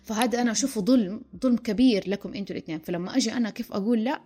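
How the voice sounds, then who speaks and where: A woman's voice: on the high side, very fast, breathy edge, faint music behind. A woman, a relationship counselor talking through a podcast discussion and acting out the lines she quotes. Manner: animated, acts out quoted speech.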